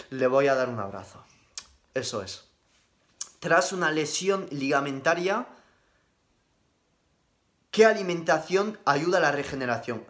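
A young man, a nutrition coach answering viewer questions on a live stream in brisk, matter-of-fact replies with casual slang. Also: a little high, fairly bright tone.

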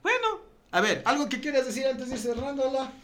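A man's voice: extremely high pitch, very animated, brisk, bright, forceful tone. A man with an Ecuadorian accent hosting a casual podcast, telling stories with slang and frequent laughter. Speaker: podcast host.

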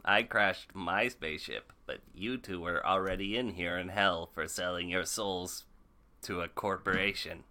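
A man doing a loud, pompous stranded alien. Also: low voice, unhurried, exaggerated voice. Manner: loud, stiff, formal announcer-like delivery. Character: pompous male alien stranded after a crash. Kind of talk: improvised comedy role-play.

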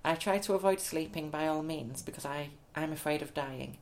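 A man's voice: on the high side, normal speed. A man co-hosting a podcast in casual chat, reading news stories aloud with amused asides. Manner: reads articles out, amused and chatty. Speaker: podcast co-host.

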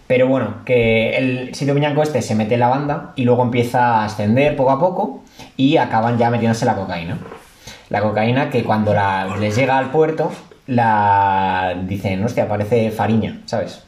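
A man's voice: fairly low pitch, a little mellow. Rambling man in echoey room. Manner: rambling, filler-heavy storytelling. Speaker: podcast guest. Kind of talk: casual podcast chat.

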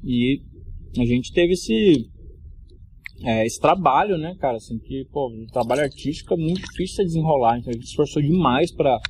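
A man's voice: a little high, animated, fairly quick, darkish tone, a little hiss or hum. A middle-aged man, a guest on a podcast, tells a travel anecdote in a loose, slangy way and laughs often. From Mato Grosso, Brazil. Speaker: podcast guest, actor and comedian. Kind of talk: casual storytelling chat.

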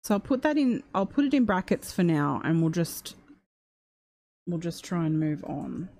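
A woman streamer thinks aloud as she tries to transcribe a recording, often hesitating and puzzling over phrases. Her voice is lowish, warm and very animated, at a moderate pace.

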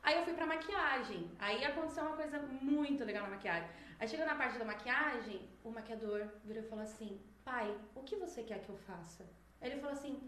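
A young adult woman, a singer guesting on a podcast, telling stories in a lively, animated way with quoted voices. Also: on the high side. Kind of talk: casual storytelling chat. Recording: roomy echo, faint noise.

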